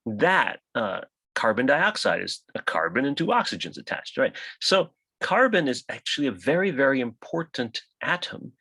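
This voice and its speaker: A man giving a college science lecture, lively and chatty, often checking in with "right?" and asking his class questions. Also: mid-range voice, moderate pace, slightly rough, no echo, rough recording. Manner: animated, rhetorical questions with frequent "right?". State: coughing, hiccups.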